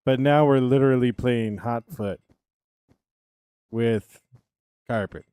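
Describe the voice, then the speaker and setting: His voice is mid-range, mellow, and slow, with a clean tone and dry recording. A man in his thirties, he gives casual commentary while building in a game on stream, murmuring filler sounds, repeating words, and chatting with himself and viewers.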